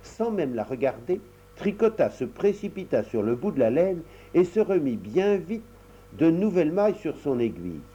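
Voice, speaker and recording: A man reading a children's story aloud in an animated way, with sound words. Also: on the high side, normal speed, husky. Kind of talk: expressive storybook narration. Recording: dull lo-fi recording.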